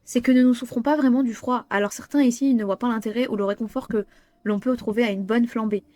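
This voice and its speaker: A woman's voice: on the high side, steady tone, quick pace, a little mellow, no echo, natural voice. Woman reading as an ancient courteous male vampire. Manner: formal, polite reading.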